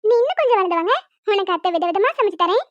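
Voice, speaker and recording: A woman's voice: very high voice, lively intonation, rapid-fire, dry recording. A woman voicing a teasing young woman in a cartoon who scolds her brother and dotes on the baby. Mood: doting. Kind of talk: cartoon voice acting. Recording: dull dry lo-fi recording.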